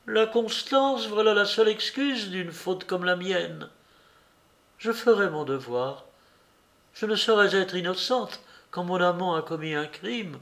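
A man's voice: slow, a bit bright, exaggerated voice. A man reading the part of a passionate, desperate young woman in an audiobook, pleading in a raised voice. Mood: defiant. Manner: impassioned, pleading, raised pitch.

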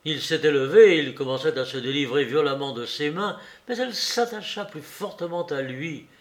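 A man narrating a classic novel in a measured, expressive way. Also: a little high. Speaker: audiobook reader. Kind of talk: literary narration.

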